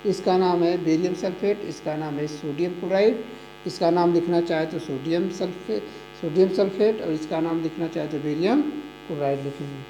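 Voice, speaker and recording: A chemistry teacher explains a lesson slowly and repetitively, spelling out formulas letter by letter. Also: medium pitch, mellow, a little hiss or hum, low-quality recording. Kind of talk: classroom-style lesson explanation.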